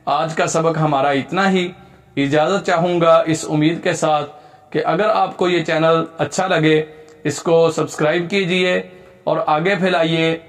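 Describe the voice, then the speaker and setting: A man teaching Quran reading, spelling out syllables and then drawing each whole word out slowly, with quick plain explanations between. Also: a little high, fairly even intonation.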